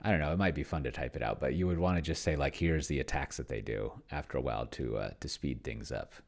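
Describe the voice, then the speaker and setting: A solo tabletop roleplayer and video host with a bass voice plays a roleplaying game while typing, thinking aloud in casual commentary at a quick pace. His tone is a little mellow, and he often mutters, trails off, and draws words out over the sound of a computer keyboard.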